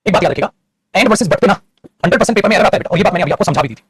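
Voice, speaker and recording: A man teaching English grammar in a lecture. He explains fast, calls his students "beta" and keeps asking if they follow. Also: high-pitched, animated, fairly bright tone, a little hiss or hum. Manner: rapid and explanatory, addresses students as "beta", often asks "theek hai?". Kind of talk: classroom lecture in Hindi mixed with English.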